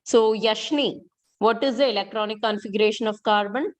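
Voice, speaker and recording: A woman's voice: mid-range voice, fairly quick. A middle-aged woman with an Indian accent teaching chemistry in an interactive online class, asking questions and repeating key points. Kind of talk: interactive online school lesson.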